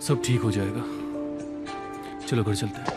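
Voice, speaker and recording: An actor playing a firm, protective family man in a dubbed TV drama, over loud background music. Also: lowish voice, steady tone, a little slow, natural voice. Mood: calm. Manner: firm, scolding when angry. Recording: loud music under dialogue.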